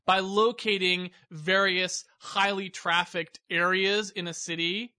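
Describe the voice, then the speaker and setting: Man, podcast co-host, high voice, bright tone, blunt, swears, casual chat. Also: slow. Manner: blunt, swears, animated questioning.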